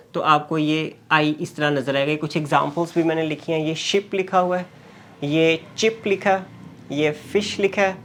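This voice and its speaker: A man teaching English pronunciation in a lecture, mixing Urdu with English and repeating single sounds slowly. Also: fairly high pitch.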